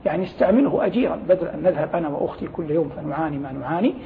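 Heard through thin, phone-like audio with faint noise, a man with a high-leaning voice, lively intonation and vocal fry speaks as a religious scholar on a programme. He teaches scripture in formal Arabic, reciting quotations and glossing phrases as he goes.

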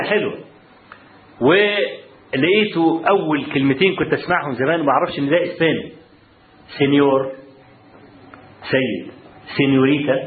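A man with an Egyptian Arabic accent telling students about his college days, animated, often checking in with the audience. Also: fairly high pitch, reverberant, phone-quality sound. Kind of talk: storytelling talk to students. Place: lecture hall.

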